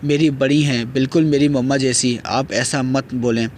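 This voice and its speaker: A man reading as an earnest gentle young niece. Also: mid-range voice, steady tone, a little hiss or hum, natural voice.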